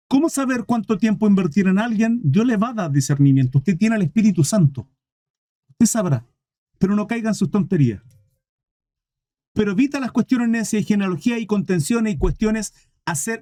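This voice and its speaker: A male pastor preaching with emphasis, often repeating his points and speaking directly to the church. His voice is fairly high for a man but warm and mellow. The recording is close and dry, with no room sound. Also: dry recording. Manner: emphatic, repetitive, addresses the congregation directly. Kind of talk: sermon.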